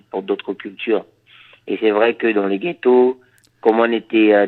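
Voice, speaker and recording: During an interview, a Dutch-speaking reggae musician from Suriname hesitates, reflects, and repeats many words as he answers. He has a lowish voice, captured in narrow, tinny audio.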